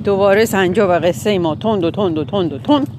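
A woman casually telling a children's story, pausing to explain animal names in English. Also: medium pitch, background noise. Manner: casual, informal, with fillers and self-corrections.

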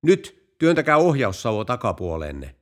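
A man doing a blunt, calm military pilot. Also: medium pitch. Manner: blunt, matter-of-fact.

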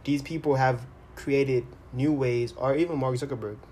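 A man hosting a solo motivational podcast, speaking earnestly and deliberately, often repeating and rephrasing his phrases. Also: medium pitch, fairly even intonation, dark tone, a little hiss or hum. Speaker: podcast host.

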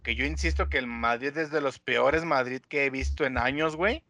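A man's voice: mid-range voice, moderate pace, sharp tone. A man with a Mexican accent hosting a podcast in casual, slangy banter. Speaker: podcast host.

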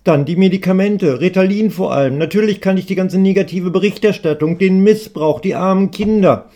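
A man's voice: sits high, a little fast, dark tone, pitched above the performer's own voice. A man voicing a chatty, oversharing male student in his mid-twenties, who talks in a whiny, indignant way. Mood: complaining.

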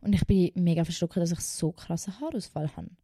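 Young swiss german girl vlogging, mellow dry sound, chatty and swears a bit. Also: lowish voice, brisk, no room sound. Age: young adult. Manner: chatty, emotional, swears casually, mixes in English phrases. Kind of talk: casual personal storytelling.

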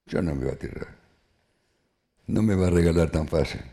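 An older man gives personal testimony, talking haltingly with restarts and quoting others. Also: deep voice, vocal fry, dark tone. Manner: halting, with restarts and acted quotes. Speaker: Holocaust survivor giving testimony.

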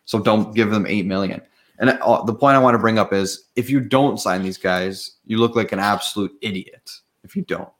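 A man's voice: lowish voice, moderate pace, a bit bright. A young man co-hosting a podcast, introducing topics in casual chat and laughing easily. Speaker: podcast co-host.

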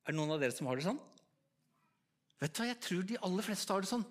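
A man's voice: high voice, expressive. A man with an Eastern Norwegian accent preaching a story-driven sermon, talking conversationally and putting direct questions to his audience.

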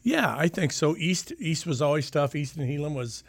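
Speaking at a moderate pace, this higher-pitched man sounds animated, with vocal fry and slight roughness and no echo. He's a retired county sheriff in his sixties from Sioux City, Iowa, reminiscing easily in a casual interview with plenty of trailing fillers.

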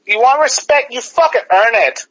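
A man calling in over the phone, ranting furiously and swearing, with bursts of shouting. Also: very high-pitched, animated, normal speed. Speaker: caller. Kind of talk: angry phone rant. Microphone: phone on speaker. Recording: lo-fi phone line.

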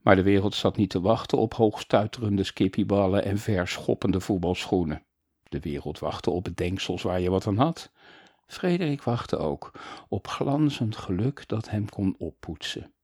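A man reading a children's storybook aloud in an expressive way, moving between lively and hushed tones, close to the mic. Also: deep voice, moderate pace, slightly rough, no echo. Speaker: audiobook narrator.

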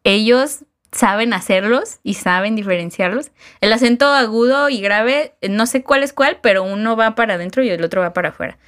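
In a laid-back podcast conversation, a woman with a Mexican Spanish accent walks through musical ideas. Her voice sits on the higher side and moves at a normal speed with barely any pauses, and she explains things patiently, uses plenty of fillers, and laughs readily.

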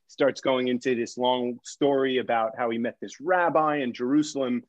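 A man on a podcast telling a story in an animated, casual way, saying "like" a lot and acting out the voices. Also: medium pitch, normal speed, dry recording. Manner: excitable, heavy use of "like", acts out voices.

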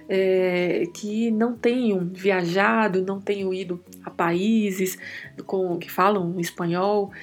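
A woman hosting a podcast lesson, teaching Spanish to Portuguese speakers and drilling each word's pronunciation slowly and carefully. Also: medium pitch, a little mellow.

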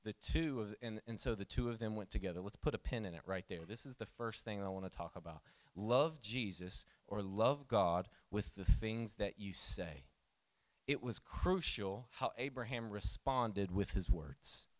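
A man, preaching a sermon in a lively, conversational way with jokes and asides. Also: lowish voice, moderate pace, no room sound. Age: 30s. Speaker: pastor.

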